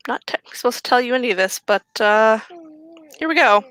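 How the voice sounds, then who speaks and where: A woman's voice: fairly high pitch, expressive, quick pace, a bit bright, clear, resonant tone, poor audio. A woman narrating as game master of a tabletop game, casual and swearing, with asides to the players.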